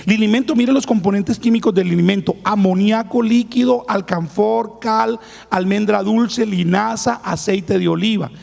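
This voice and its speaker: A man preaching in a church hall, his hoarse, gravelly voice sitting high for a man but dark in tone. He speaks with emphatic warmth, repeatedly calling out to his listeners as brothers. A long reverb from the hall trails his words. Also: moderate pace. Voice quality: hoarse, raspy voice. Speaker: pastor. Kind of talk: sermon testimony.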